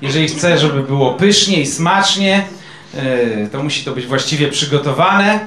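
A man's voice: fairly high pitch, animated, moderate pace, fairly bright tone. A male pastor preaching a sermon in a conversational way, quizzing his congregation with questions. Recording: echoey room.

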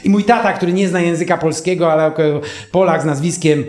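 A man in his fifties from Poland preaches a sermon and tells a personal story in an earnest, emotional way. He often turns to speak straight to his listeners. His voice sits a little high for a man and rings in a roomy, echoey space. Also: fast, a little mellow.

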